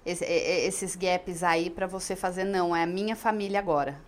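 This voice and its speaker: Thoughtful woman, low voice. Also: steady tone, normal speed, crowd noise. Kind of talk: casual conversation.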